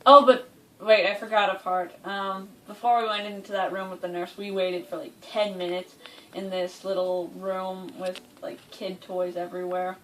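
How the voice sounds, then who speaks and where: A woman's voice: mid-range voice, little pitch movement, normal speed, distant mic, poor audio. A young woman in her late teens telling a personal story in casual chat, full of "like" fillers and laughing between lines. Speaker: interviewee.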